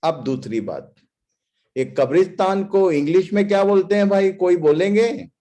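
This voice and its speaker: A man's voice: sits high, moderate pace, dark tone. A man preaching a sermon, putting questions to the congregation and stressing points with English phrases. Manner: quizzes the congregation, emphatic, drops in English phrases.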